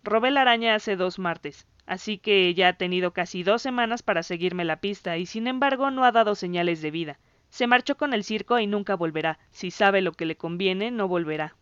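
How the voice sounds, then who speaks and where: A woman's voice: mid-range voice, a little fast, a bit bright, clean tone, no echo, highs cut off, lightly acted. Woman reading a cocky boastful boy. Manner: boastful, defensive. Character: proud boy, cocky but uneasy.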